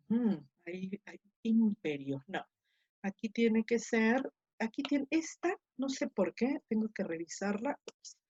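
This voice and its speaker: A woman teaching a Latin class online, slowly sounding out words syllable by syllable and correcting her own marks aloud. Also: mid-range voice, lo-fi sound. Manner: corrects herself aloud while marking slides.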